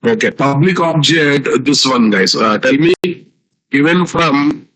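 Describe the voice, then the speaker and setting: A man's voice: medium pitch, lively intonation, moderate pace, a bit bright. A man with an Indian Telugu accent giving a live online programming lecture as a teacher, repeating phrases and often checking with students through questions.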